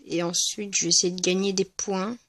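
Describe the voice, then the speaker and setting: A man's voice: high voice, flat delivery, fairly bright tone, no room sound. Hesitant male gamer narrating his play. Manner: hesitant, halting with fillers and restarts. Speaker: gaming video host. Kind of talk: casual gameplay commentary.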